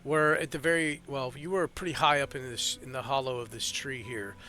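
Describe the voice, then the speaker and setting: A man's voice: mid-range voice, fairly quick, pushed and bright, faint music behind. A young man narrating as dungeon master in a rambling, hesitant way with lots of fillers. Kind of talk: narrating a tabletop game.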